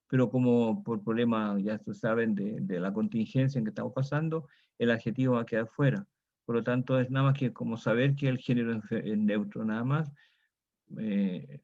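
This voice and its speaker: A man with a mid-pitched voice gives a Latin grammar lesson, patiently drilling his students on declensions and taking each case step by step to be sure they keep up. He often tosses in "¿ah?" as he goes. The audio is dull and lo-fi.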